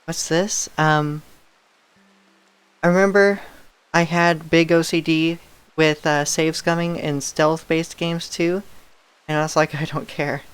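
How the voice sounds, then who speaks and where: Streamer chatting thru a game, talking to themself, music low in the back. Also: little pitch movement, slow pace, pauses often, clean tone. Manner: musing aloud, thinking through choices. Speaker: live streamer. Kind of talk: casual gameplay commentary.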